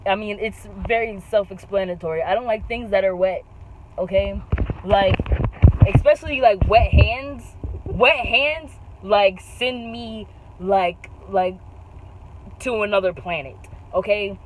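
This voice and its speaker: A young woman vlogging in a casual chat, animated and slangy, leaning hard on "bro" and "like.". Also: medium pitch, a little slow, a little hiss or hum, poor audio.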